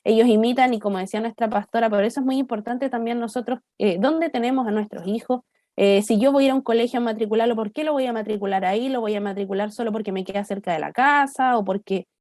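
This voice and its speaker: A young woman leads a church workshop for parents, her voice pitched a little high. She talks in an easy, conversational way and keeps checking in with her audience. The sound is dry and close, with no room around it. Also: fast talker, a little mellow, no echo. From Chile. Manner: conversational, asks "¿cierto?" often. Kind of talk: church talk on child development.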